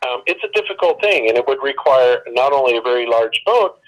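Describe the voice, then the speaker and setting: A man on a phone call explaining his point in a measured way, with many ums. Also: mid-range voice, animated. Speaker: phone guest. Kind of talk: debate over the phone.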